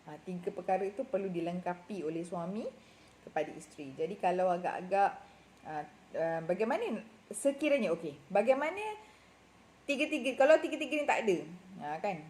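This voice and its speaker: A woman's voice: mid-range voice, animated, fairly quick, a little mellow. Woman, Malaysian Malay accent, middle-aged, casual advice talk, chatty with fillers, faint background noise. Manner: chatty, many fillers and self-corrections. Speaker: marriage and relationship advisor.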